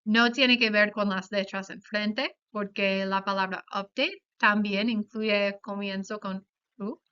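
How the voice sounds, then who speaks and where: Slow, careful woman giving a lesson. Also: medium pitch, steady tone, bright, forceful tone, clean tone. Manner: careful, explanatory, pronounces example words slowly. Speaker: student presenter. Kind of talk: class presentation on pronunciation. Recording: dull lo-fi sound.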